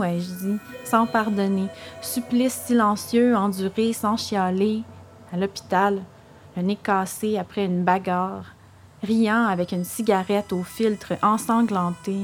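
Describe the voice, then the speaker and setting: A woman's voice: medium pitch, darkish tone. A woman performing spoken-word poetry in terse, punchy phrases with defiant bursts. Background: music.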